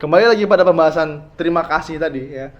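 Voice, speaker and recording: A man preaching a conversational religious lecture, talking directly to his listeners and asking them questions, moving between loud stress and quiet asides. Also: a little high, fast, lo-fi sound. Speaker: Islamic preacher.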